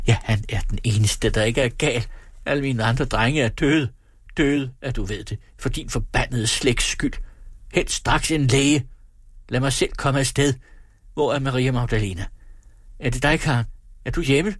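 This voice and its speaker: A man reading the part of a desperate mother, speaking in a shrill, pleading and scolding way. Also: no room sound, clean studio sound, natural voice. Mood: frantic. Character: desperate frantic mother, middle-aged woman.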